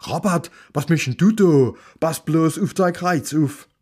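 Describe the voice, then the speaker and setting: A man voicing a hurried, bossy middle-aged woman with a who rushes in out of breath. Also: medium pitch, mellow, close to an everyday voice. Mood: scolding. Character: bustling middle-aged woman, the librarian's wife.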